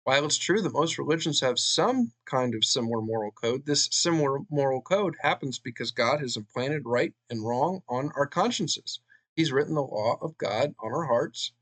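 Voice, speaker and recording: A man reading a book chapter aloud and adding his own commentary, earnest, with fillers and pauses between passages. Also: mid-range voice, animated, fairly bright tone. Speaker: channel host reading a book.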